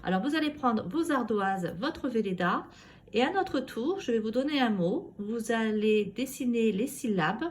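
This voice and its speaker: A schoolteacher working from her home, giving a phonics lesson to young children and sounding out each syllable slowly and carefully. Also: a little high, expressive, a little mellow, a little hiss or hum. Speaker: primary school teacher.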